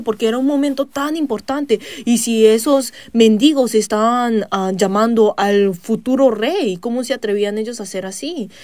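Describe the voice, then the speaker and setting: A woman preaching a sermon. She retells a Bible story at a measured pace, pausing often to hesitate and asking her listeners questions. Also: fairly high pitch, darkish tone, no room sound. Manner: measured, with frequent hesitant pauses.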